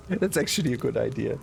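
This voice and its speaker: Slow, gravelly self-mocking male streamer. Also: a little high, a little mellow, slight background noise. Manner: self-deprecating, laughs often. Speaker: game streamer. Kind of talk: casual gameplay chat.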